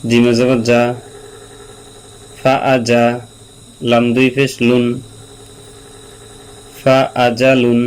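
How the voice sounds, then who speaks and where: A man teaching Quran reading, spelling out syllables slowly and repeating them patiently for learners. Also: mid-range voice, smooth, rough recording. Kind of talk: slow spelled-out recitation lesson. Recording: steady mains hum behind the voice.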